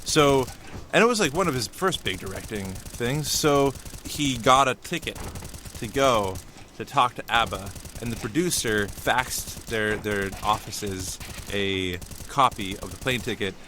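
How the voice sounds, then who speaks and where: A man's voice: on the low side, unhurried, bright, forceful tone, a little hiss or hum. A man co-hosting a podcast, telling a film story in casual chat and laughing often. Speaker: podcast co-host.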